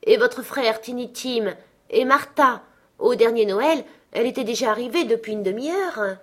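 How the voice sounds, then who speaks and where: A woman's voice: fairly high pitch, normal speed, pitched above the performer's own voice. A woman reading a storybook voices a tender, fussing mother of a poor family. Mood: fond. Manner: warm, fussing.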